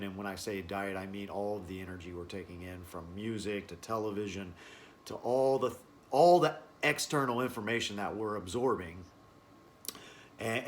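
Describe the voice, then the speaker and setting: A man teaching a wellness class informally, explaining in short phrases with halting pauses. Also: on the low side, a little hiss or hum. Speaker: breathing and stress-relief class instructor.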